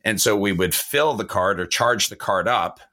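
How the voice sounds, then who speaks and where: A man's voice: fairly low pitch, moderate pace, bright, forceful tone. A man, the show's host, chatting casually, telling anecdotes and asking playful rhetorical questions. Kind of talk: casual chat.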